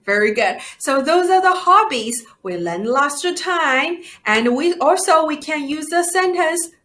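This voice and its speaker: Lady teacher doing a kids language lesson, kinda high bright voice, simple careful repeat-after-me phrases. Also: animated, measured pace. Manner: simple, instructional, carefully enunciated phrasing with questions.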